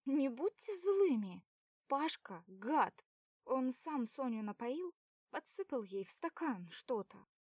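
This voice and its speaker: A woman's voice: high voice, big pitch swings, slow pace, a little mellow, husky, dry recording, clean studio sound, pitched above the performer's own voice, heavily acted. A woman voicing an anxious young woman with a pleading, whimpering manner.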